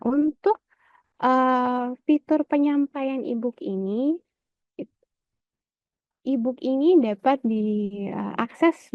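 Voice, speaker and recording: A woman presents a teaching e-book in a webinar, filling her pauses with "eh" and wrapping up each point with "begitu". Her voice comes through muffled, with a dull, narrow band, and the room sounds dry and close. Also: on the high side, no room sound. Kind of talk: explaining an e-book walkthrough.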